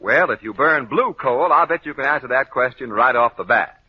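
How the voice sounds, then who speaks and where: A man's voice: medium pitch, animated, moderate pace, breathy edge. An American man announcing in the emphatic style of an old radio announcer, reading introductions and sponsor copy. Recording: dull, band-limited old radio broadcast.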